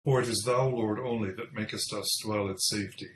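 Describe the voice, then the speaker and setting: A man reading scripture and giving liturgical responses with formal, deliberate delivery, recorded in an echoey space. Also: fairly even intonation, a bit bright. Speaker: lesson reader giving responses. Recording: echoey room with rumbling background noise.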